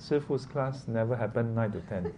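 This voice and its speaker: Teaching in a relaxed, conversational way, this man speaks with a Singaporean or Malaysian accent and keeps firing off short questions laced with local particles. His medium-pitched voice is animated and moves at a moderate pace. Crowd noise and obvious room clamor fill the background of this informal interactive lesson.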